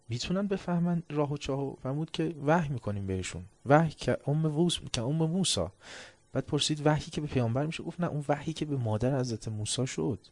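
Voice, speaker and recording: A man preaching a sermon, telling a story and dropping to a low, hushed tone on reflective passages. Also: no echo.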